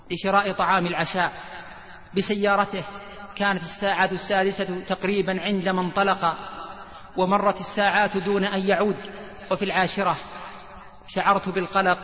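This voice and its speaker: A man preaching a sermon, retelling a story in an earnest, dramatic way with repeated phrases. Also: sits high. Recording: echoey, dull lo-fi hall recording.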